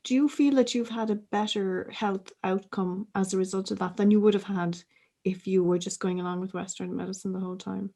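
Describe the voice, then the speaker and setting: Woman host, warm dark voice, asks long winding questions. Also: medium pitch, fairly even intonation, fairly quick. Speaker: interviewer, podcast host. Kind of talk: podcast interview.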